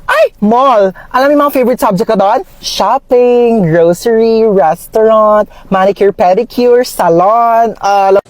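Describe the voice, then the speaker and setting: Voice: mid-range voice, unhurried, few pauses, no room sound, close to an everyday voice. A performer playing a flashy, scatterbrained aunt who loves shopping, talking in a breezy, carefree way.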